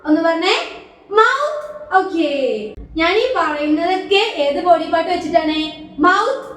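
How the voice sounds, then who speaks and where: A woman teaching body parts to kindergarten children, slowly and in a sing-song way, with call-and-response repetition. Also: fairly bright tone, far from the mic. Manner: slow, sing-song, pitch jumps up on each prompted word. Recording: very echoey room, voice a bit off-mic.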